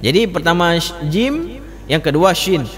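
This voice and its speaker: A man's voice: on the high side, big pitch swings, unhurried, fairly bright tone. A male Quran recitation teacher, giving a mosque study class and demonstrating letter sounds for his students again and again. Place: mosque hall. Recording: reverberant mosque hall.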